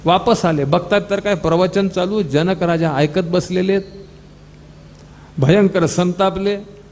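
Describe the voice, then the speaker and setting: A man with a Marathi accent gives a devotional discourse with a bright, high voice. He tells an old parable, acting out each character's lines in lively quoted dialogue. His words ring with the long echo of a large hall. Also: measured pace, a little hiss or hum. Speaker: scripture discourse speaker.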